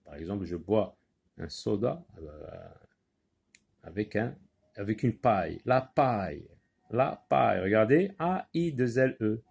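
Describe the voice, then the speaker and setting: A man's voice: fairly low pitch, expressive, measured pace, creaky, darkish tone, breathy edge. A man teaching a French spelling lesson, patiently repeating words and spelling them letter by letter.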